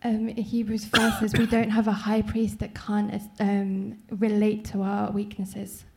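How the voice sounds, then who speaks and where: A woman giving a live, line-by-line English translation of a French sermon, in an even, measured church-interpreter delivery. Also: medium pitch.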